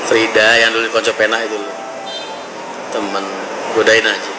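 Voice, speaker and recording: Reading out comments on a livestream or vlog, a man with a lowish voice speaks at a moderate pace with flat delivery, though his chat is slangy and bantering. Loud background noise and a roomy echo fill the recording.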